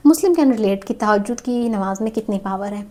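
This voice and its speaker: A woman's voice: mid-range voice, lively intonation, normal speed, warm tone. A young woman in her twenties telling a personal story in a candid, emotional vlog, rambling with many restarts. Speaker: vlogger.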